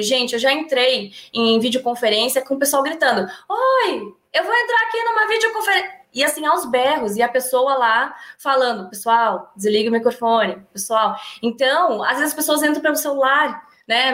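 Professora brasileira animada, voz aguda. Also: female voice, sits high, roomy sound. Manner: animated, tag questions, acts out quoted speech. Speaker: university professor. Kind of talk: lively class discussion.

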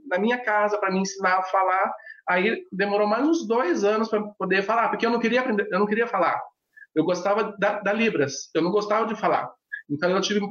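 This high-voiced man from Brazil sounds a bit bright, working as a pastor and sign language interpreter whose native language is Brazilian Sign Language. Sharing his story in an interview, he hesitates often, using fillers and restarting sentences, and the audio is echoey, muffled and lo-fi.

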